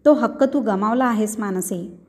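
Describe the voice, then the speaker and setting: A woman's voice: medium pitch, normal speed, mellow, lightly acted. A woman reading a story aloud, voicing a hurt and angry young man who speaks bitterly and accusingly.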